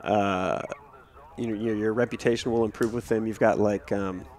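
A man's voice: on the low side, steady tone, moderate pace, a little mellow. A man hosting a let's-play, casually rambling as he explains the game to a friend.

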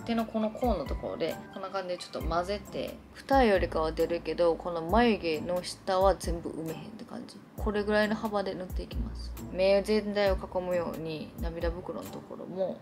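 A young woman with a Kansai accent chatting through a makeup tutorial, rambling into animated stories as she works. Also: lowish voice, brisk, hardly any pauses, over music. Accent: Kansai Japanese. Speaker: beauty vlogger.

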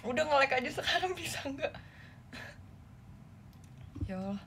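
A woman's voice: mid-range voice, unhurried, a bit bright. A young woman hosting a casual livestream, talking in a flustered, embarrassed, giggly way. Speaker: idol livestream host. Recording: faint background noise.

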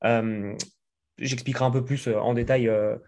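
Speaking from his living room into a desk mic that's in frame, a guest entrepreneur from France, in his thirties, talks chattily in an interview, using lots of fillers. His medium-pitched voice is a little mellow, level in tone, and moves at normal speed.

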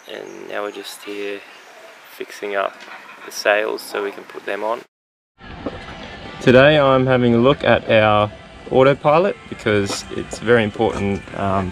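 A young adult man hosts a sailing vlog in a low, flat, creaky voice, the audio quality poor. He talks to an action camera held close, relaxed and rambling with many fillers, both on deck and inside the sailboat.

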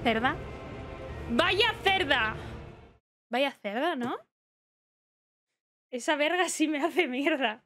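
Speaking slowly with long pauses, a young female streamer with a high-pitched, fairly bright voice narrates her gameplay live in a playful way. She chats to the enemies and the game boss, often letting out startled yelps and swearing when she gets hit, with game music behind her.

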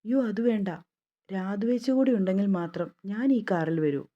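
A woman's voice: mid-range voice, normal speed, highs cut off, close to an everyday voice. A woman reading the lines of a timid young bride who pleads in a fearful way.

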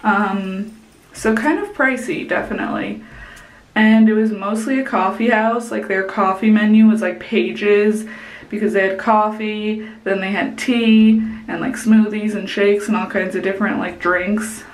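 A woman's voice: medium pitch, steady tone, measured pace, reverberant. A young woman in her twenties vlogging a casual restaurant review to a camera held at arm's length, chatty with lots of "like" and "um". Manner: chatty, heavy use of "like" and "um". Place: indoors, small room with plain wall.

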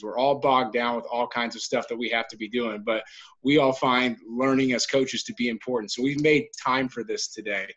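A man, a baseball coach, speaking in a measured, hesitant way on a video call. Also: medium pitch, fairly bright tone. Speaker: high school baseball coach. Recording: dull video-call audio.

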